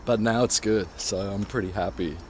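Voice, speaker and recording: This man, born in Hong Kong and raised in Australia, talks at a normal speed while live-streaming an outdoor walk at night on rural roads through a mobile rig. There's slight background noise. He's relaxed and talkative and uses a high voice for the cats he meets.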